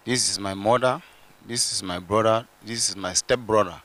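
Young man from Cameroon, lowish voice, bright edge, earnest testimony, handheld mic. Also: moderate pace. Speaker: church testimony giver. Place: large church stage indoors.

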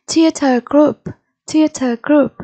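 A woman's voice: high-pitched, fairly even intonation, slow pace, mellow. A Vietnamese-accented woman teacher in a recorded English vocabulary lesson, repeating each word and giving its meaning and stress.

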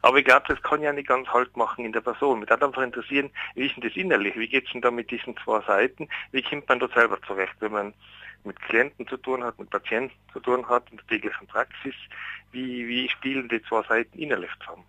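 A man's voice heard down a landline telephone line, very bright and sharp in tone. He talks eagerly, feeling for his words with small fillers. The sound is dry, with no room around it. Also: medium pitch, steady tone, quick pace, no echo. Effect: voice over a landline telephone line. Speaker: radio call-in caller. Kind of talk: casual call-in question. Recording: voice over a phone line.

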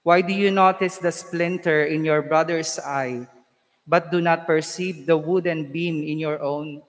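A Filipino priest with a fairly high voice proclaims and preaches in a measured, solemn manner. His words ring out in a large church, trailing a long cathedral echo behind each phrase. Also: steady tone. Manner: measured, solemn delivery with conversational asides. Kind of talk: proclaiming the Gospel and preaching a homily.

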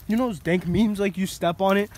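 A young person chatting casually while exploring a beach outdoors, excitable and slipping into a country drawl. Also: mid-range voice, moderate pace, slight background noise. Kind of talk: casual vlog chat.

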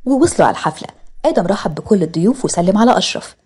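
A woman's voice: medium pitch, animated, very fast, dark tone, breathy edge. A woman with an Egyptian accent narrating a read-aloud story.

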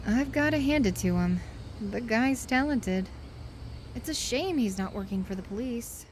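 A woman's voice: fairly high pitch, lively intonation, moderate pace, noisy background, natural voice. A woman voicing a stern, hot-tempered fox police inspector in a comic fan dub, scolding and indignant. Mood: businesslike.

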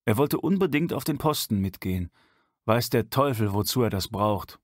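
A man voicing a worried, suspicious older man who speaks gruffly and broods in an audiobook. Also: on the low side, animated, moderate pace, no echo, clean studio sound. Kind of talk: audiobook character voice.

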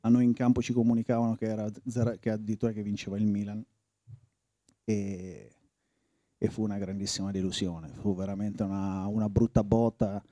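Italian man in his forties, very dark mellow low voice, dry close sound, halting reflective storyteller. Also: level tone, no room sound. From Italy. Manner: reflective, halting, often restarts phrases. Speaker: former footballer. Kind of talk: reminiscing interview.

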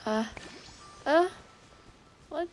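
A woman's voice: high voice, lively intonation, extremely slow, poor audio. A woman streamer giving casual, musing gameplay commentary and addressing chat as y'all. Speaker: game streamer. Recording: game music playing behind.

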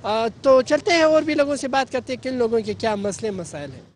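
A man's voice: very high-pitched, brisk, slight background noise. A man, working as a street reporter and asking passers-by formal questions, with many "uh" fillers. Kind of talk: vox pop interviewing.

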